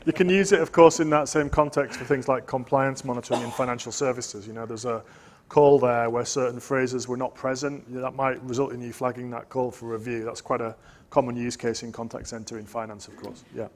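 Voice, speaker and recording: A man's voice: medium pitch, fairly even intonation, a little fast, slight background noise. A man answering audience questions as a conference presenter, direct and confident in his explanations. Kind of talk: technical Q&A answers.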